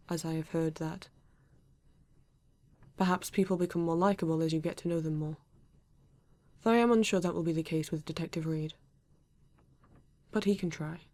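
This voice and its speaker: In an ASMR roleplay, a woman voices a polite, formal male android detective, using a British accent and stiff, measured phrasing. Her voice is deep and mellow, with no room sound.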